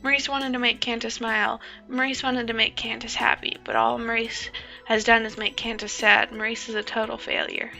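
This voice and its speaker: A woman's voice: a little high, little pitch movement, normal speed, gravelly, sharp tone, soft background music. A woman voicing a shy, sincere girl who always speaks of herself in the third person. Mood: earnest. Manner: refers to herself by name.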